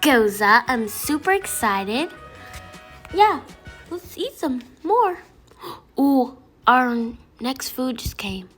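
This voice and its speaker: A woman doing a casual food-review voiceover, excitable and gushing over the food, with music behind her. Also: sits high, slow.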